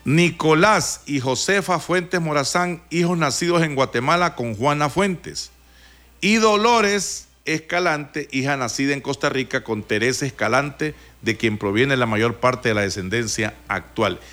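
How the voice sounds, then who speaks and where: With a medium-pitched, fairly bright voice and an unhurried pace, a Honduran radio host speaks in a Honduran Spanish accent on his casual talk show. He rambles as he tells stories, frequently starting over and filling gaps with fillers.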